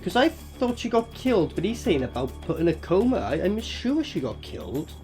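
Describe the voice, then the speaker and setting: A British man chats casually over a show he is watching, swearing and mocking as he goes. His pitch moves around a lot, and faint music from the programme runs behind him. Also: wildly swooping pitch, moderate pace, a little mellow. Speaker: host reacting to an old TV show. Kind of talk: casual reaction commentary.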